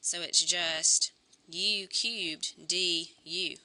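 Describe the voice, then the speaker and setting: Slow, bright-voiced woman teaching math. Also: fairly low pitch, steady tone. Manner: talks through steps aloud, self-correcting. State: slightly hoarse, clearing throat. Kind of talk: recorded calculus lesson.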